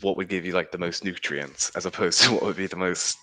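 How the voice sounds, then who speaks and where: A man's voice: low voice, steady tone, fairly quick, bright, forceful tone. A young man from Singapore, a guest in a casual chat, thoughtful and a bit hesitant, often repeating words.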